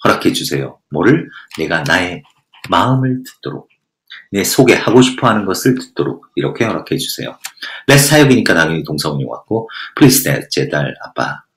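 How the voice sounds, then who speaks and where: A man teaching a textbook lesson, reading English lines slowly and then explaining them at length, often asking questions and answering them himself. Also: low voice, big pitch swings, a bit bright, roomy sound. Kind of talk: lecture reading and translating a textbook passage.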